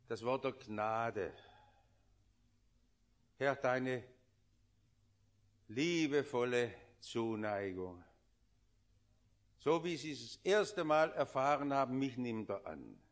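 A man preaching with a notably high voice. He is fervent, rising to loud pleading and then dropping to quiet, intimate words. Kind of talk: sermon.

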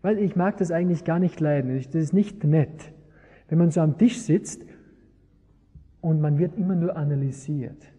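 A man's voice: a little high, moderate pace, dark tone, slightly rough. A man preaching a sermon, engaging his listeners with rhetorical questions. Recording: long hall reverb.

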